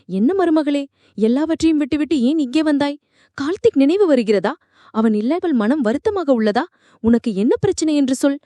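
A woman's voice: high voice, lively intonation, normal speed, dark tone, dry recording. Woman reading as a lonely widowed father-in-law. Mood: coaxing.

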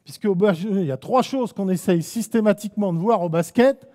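This male basketball coach speaks a little fast, with a high, mellow voice and a French accent, barking clipped commands and teasing players during a live on-court clinic. The recording carries the long reverb of an indoor gym, with balls bouncing in the background.

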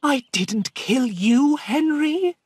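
A woman's voice: high-pitched, animated, takes it slowly, a little mellow, no echo, studio quality, pitched above the performer's own voice. A woman doing a spiteful old lady in a storybook. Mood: frightened.

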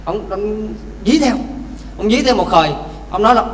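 A man, a Buddhist monk, giving a lively dharma talk with stories, speaking directly to the congregation. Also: high-pitched, moderate pace. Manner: lively, addresses audience directly. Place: temple hall. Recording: echoey temple hall, faint hum.

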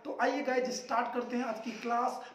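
A man teaching English pronunciation in an energetic lesson, drilling words loudly and repeating them so viewers say them along. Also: very high voice, brisk, a little hiss or hum. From India. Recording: very echoey room, mic far off.

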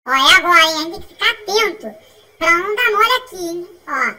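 Speaking fast in a very high-pitched voice with a Brazilian Portuguese accent, a female gaming channel host gives excitable, chatty commentary on a mobile game. She repeats herself and keeps bursting into laughs and shouts, and the mic sounds distant.

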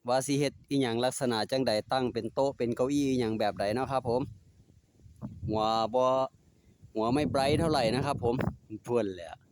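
A mid-range, slightly mellow man's voice at normal speed, with a little hiss or hum in the background. This easygoing DIY vlogger has an Isan (Northeastern Thai) accent and narrates casually while working in his outdoor home yard, chatty and using polite particles as he talks to his dogs.

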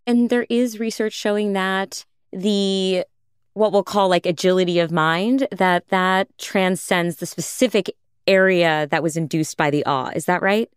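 A woman's voice: mid-range voice, fairly even intonation, a little slow, clean tone, no room sound, clean studio sound. A woman hosting a podcast interview, talking in a playful, self-deprecating way and laughing often. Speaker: podcast host. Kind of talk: conversational interview.

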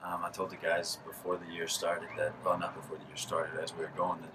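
Man in his thirties, very deep voice, rambling casual talk, mic a bit distant, noisy background. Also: little pitch movement, fairly quick. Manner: casual, rambling with restarts and laughs. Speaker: high school baseball coach. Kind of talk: postgame interview. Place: press box above a lit ballfield at night. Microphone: headset mic.

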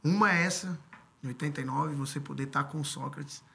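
A gravelly Brazilian man in his fifties recounts his playing days in an unhurried, chatty way. His voice sits a little high for a man, and he talks close to a studio mic. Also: a little hiss or hum. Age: 50s. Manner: relaxed storytelling with many tag questions. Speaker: guest, former footballer and coach. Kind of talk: casual interview. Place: podcast studio. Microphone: studio mic on stand.

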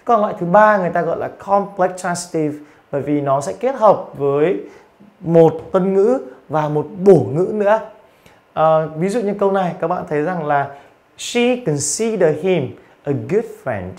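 A man's voice: high voice, lively intonation, moderate pace, darkish tone. A man teaching, giving an online grammar and pronunciation lecture and explaining patiently with frequent fillers. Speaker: English teacher.

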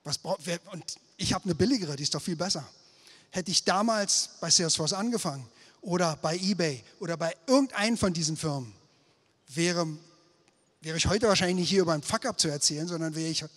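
A middle-aged man from Berlin telling a lively, self-mocking story about his career on stage, speaking into a handheld microphone. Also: a little high, brisk. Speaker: speaker at a failure-story night. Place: indoor event stage before an audience. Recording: long hall reverb of an event space.

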